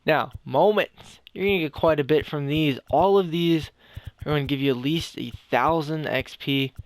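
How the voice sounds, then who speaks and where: A man's voice: a little high, moderate pace, no room sound. A young man giving casual, rambling commentary on a video game as a gaming YouTuber, a little out of breath and often restarting his sentences. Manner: rambling, with frequent restarts and self-corrections.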